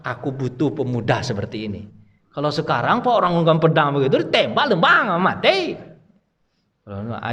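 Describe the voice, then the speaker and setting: A man preaching a mosque study lecture in a loud voice, often addressing his listeners as "Pak". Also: a little high. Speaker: Islamic preacher and teacher. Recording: long mosque hall reverb.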